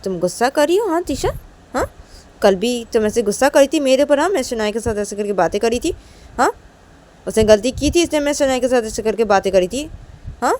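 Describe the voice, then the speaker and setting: A woman voicing a short-tempered mother who scolds with repeated sharp "haan?" tags. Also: on the high side, animated, a little slow, few pauses, pitched above the performer's own voice. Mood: scolding. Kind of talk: storytelling with acted dialogue.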